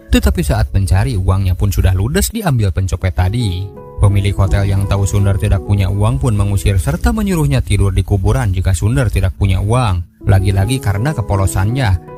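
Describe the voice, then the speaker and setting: A man's voice: fairly low pitch, animated, brisk. A man giving a scripted storytelling narration of a film recap. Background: background music.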